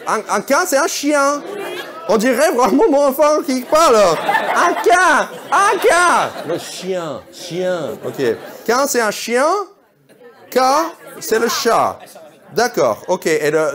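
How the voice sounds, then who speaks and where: A man's voice: high-pitched, sing-song, slow, crowd noise. A man performing stand-up on a theatre stage, quizzing the audience in a playful, mock-bewildered way while they laugh. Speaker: stand-up comedian. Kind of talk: stand-up crowd work.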